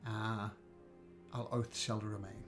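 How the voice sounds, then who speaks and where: A man's voice: fairly low pitch, little pitch movement, takes it slowly, over music. A man playing a solemn oath-maker.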